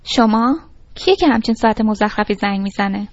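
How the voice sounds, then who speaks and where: A woman doing a curt, sharp-tongued young woman on the phone. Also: mid-range voice, no echo, close to an everyday voice. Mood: irritated. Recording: dull lo-fi recording.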